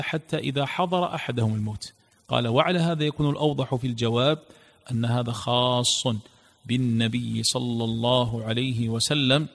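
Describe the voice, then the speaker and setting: A man teaching religion, who reads passages from a text aloud and then explains them in a measured way, repeating the key phrases. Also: mid-range voice, gravelly, big-room sound.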